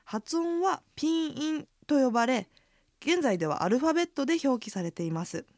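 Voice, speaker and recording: Lively woman co-hosting a radio lesson. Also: high-pitched, brisk, dry recording, clean studio sound. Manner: lively, guiding the lesson with comments. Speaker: radio co-host, inn hostess. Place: radio studio.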